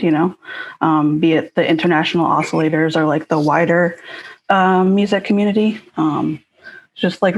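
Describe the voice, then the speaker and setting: Woman, lower voice, from Connecticut, hesitant, fillers, casual stream chat. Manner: hesitant, many fillers and soft laughs. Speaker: guest musician.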